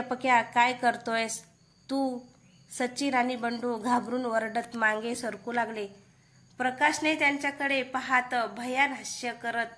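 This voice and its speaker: A woman's voice: a little high, bright, forceful tone. A woman narrating a horror story in a dramatic, emphatic way.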